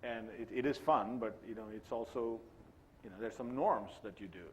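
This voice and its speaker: A man's voice: mid-range voice, normal speed, a little hiss or hum. A man on a conference panel, talking in a loose, conversational way with frequent restarts. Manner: conversational, many restarts and "you know". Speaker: panelist CIO. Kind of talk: panel discussion.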